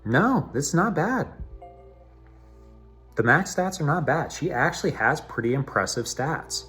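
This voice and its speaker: A man's voice: a little high, animated, unhurried, pushed and bright, soft background music. A man casually talking through a mobile game's menus, recorded in a cavernous room that makes his voice sound echoey. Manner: chatty, talks himself through menus. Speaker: mobile game video host. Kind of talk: casual gameplay commentary.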